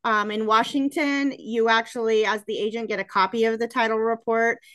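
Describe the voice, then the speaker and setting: A woman's voice: a little high, fairly even intonation, moderate pace, fairly bright tone. A woman hosting an agents' meeting and introducing the speaker in an upbeat way. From Ohio. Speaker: meeting host.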